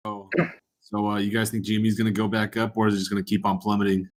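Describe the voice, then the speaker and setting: A man's voice: fairly low pitch, level tone, rapid-fire. A man in casual voice chat, rueful and laughing often, peppering his talk with bro and dude. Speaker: Discord voice chat participant.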